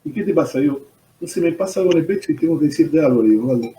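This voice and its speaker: An Argentine man, a pastor, recounts his personal testimony in a storytelling way, tagging "¿viste?" onto his sentences. His voice sits on the higher side but has a mellow, dark tone. He is heard from some distance off the mic in an echoey room. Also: animated, racing, a little hiss or hum. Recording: roomy echo, distant from the mic.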